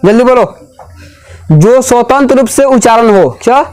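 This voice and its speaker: A man with a high-pitched voice teaches a grammar lesson in a classroom. He keeps firing questions at the class and repeats each answer back to them. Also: normal speed, a little mellow.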